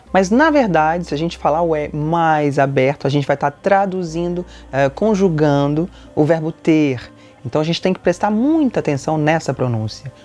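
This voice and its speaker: Low, lively Brazilian woman teaching French. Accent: Brazilian Portuguese. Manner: clear, repeats model words slowly. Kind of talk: language lesson.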